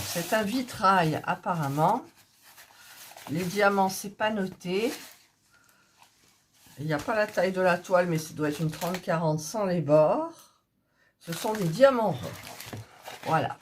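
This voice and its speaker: A woman's voice: fairly low pitch, a little hiss or hum. A sick, coughing woman chatting casually to her subscribers, hesitant, with many fillers as she shows her craft kits. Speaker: hobby vlogger showing diamond painting kits.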